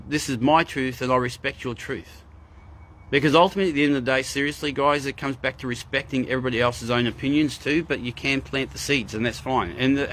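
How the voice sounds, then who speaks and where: A man's voice: mid-range voice, a bit bright. A man hosting a live spiritual talk, speaking earnestly and emphatically, often repeating phrases and greeting viewers in the chat. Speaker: spiritual livestream host.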